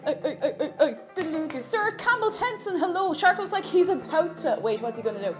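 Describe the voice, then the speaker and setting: A livestream host chats playfully with her viewers from her kitchen at home, over music. Her voice is extremely high, sing-song and brisk, and she repeats phrases and lapses into nonsense syllables.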